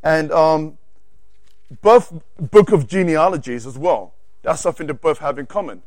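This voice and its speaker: A preacher with a somewhat high voice and a non-native English accent teaches a sermon to a congregation at normal speed, reading scripture aloud. He is animated and corrects himself in asides as he goes. There is no echo.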